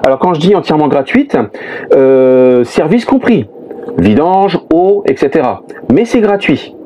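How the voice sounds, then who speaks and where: A man's voice: fairly high pitch, big pitch swings, measured pace, dark tone, a little hiss or hum. A French man, a middle-aged family vlogger, explains things step by step in casual talk full of "hein" and "euh". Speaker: vlogger, father of a motorhome-travelling family.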